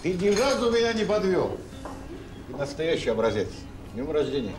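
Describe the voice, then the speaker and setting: An actor playing an effusive party guest giving a declamatory birthday toast in a screen drama. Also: male voice, a little high, big pitch swings, normal speed. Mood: hearty, celebratory. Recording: roomy echo with clinking tableware.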